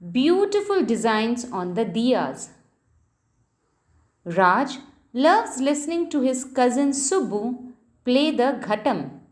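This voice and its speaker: Slow, lively woman teaching children. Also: fairly high pitch. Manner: slow, clear, sing-song teaching voice. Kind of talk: children's lesson narration.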